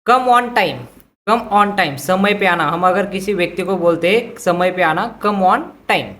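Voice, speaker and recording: A woman teaching English vocabulary who says each phrase slowly twice and then explains it in Hindi. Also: lowish voice, fairly bright tone. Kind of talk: vocabulary lesson.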